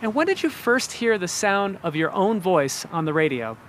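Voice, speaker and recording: A man asking quick, upbeat rapid-fire questions as an interviewer. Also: sits high, sing-song, a bit bright, a little hiss or hum.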